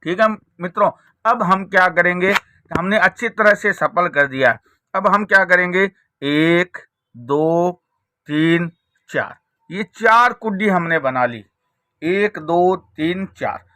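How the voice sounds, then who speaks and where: A man's voice: high-pitched, slow, sharp tone, dry recording, clean studio sound. A man presenting a card trick tutorial, explaining it step by step with repeated rhetorical questions. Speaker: magic trick teacher and presenter.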